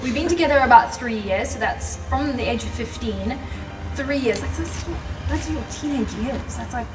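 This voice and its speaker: A young South African woman, guest speaking at a live event, relates her personal story in a slightly high voice at a moderate pace. Chatty, passionate and quick to laugh, she's captured from afar in a roomy recording with music underneath.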